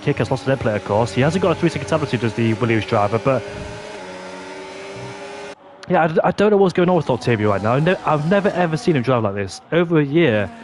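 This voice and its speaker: A man with a medium-pitched voice talks fast, calling an online sim racing league as an esports commentator over engine noise. His play-by-play is excitable, with exclamations at the action on track.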